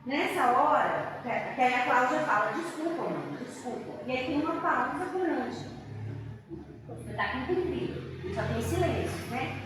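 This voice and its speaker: Far-off echoey woman telling stage stories. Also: normal speed. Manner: animated, acts out quoted lines with big pitch jumps. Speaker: actress talking about her solo show. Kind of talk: casual storytelling chat. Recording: echoey hall, from far off, noisy.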